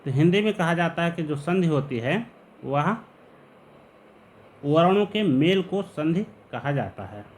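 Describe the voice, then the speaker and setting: A man patiently explains Sanskrit grammar in a somewhat high, expressive voice that shifts a lot in pitch. He stretches out key terms slowly so students can keep up, with slight background noise behind him.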